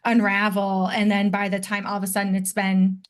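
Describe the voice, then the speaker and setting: The delivery is completely flat, at medium pitch and a moderate pace. The speaker is a woman in her late thirties from Detroit, a podcast guest who reflects candidly on her past through personal storytelling in a conversational interview.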